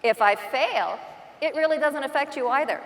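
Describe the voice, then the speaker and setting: Higher-pitched Newfoundland woman in a reverberant hall. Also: normal speed. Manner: informal, self-deprecating storytelling with acted-out asides. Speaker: real estate agent and conference speaker. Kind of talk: motivational conference talk. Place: large indoor conference hall. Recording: long hall reverb from stage.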